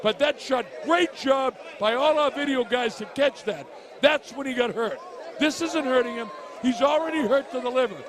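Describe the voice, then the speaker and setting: A man commentates on boxing in a very high, raised voice. He explains replays emphatically and repeats his key points, over a light crowd murmur at ringside. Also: moderate pace. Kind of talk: live fight commentary with replay analysis. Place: ringside at an arena. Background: crowd noise.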